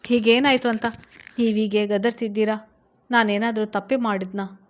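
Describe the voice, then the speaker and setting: A woman's voice: medium pitch, steady tone, normal speed, close to an everyday voice. A woman reading a storybook and voicing a young student wife who pleads with her cold husband, hurt and close to tears. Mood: hurt pleading.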